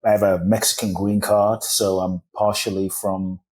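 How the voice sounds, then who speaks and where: A man's voice: fairly low pitch, level tone, normal speed, a little mellow. A man in his forties, born in Ghana and raised in London, telling his life story as a podcast guest in an earnest, reflective way. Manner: earnest, spiritual storyteller with many restarts. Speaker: podcast guest, author and speaker.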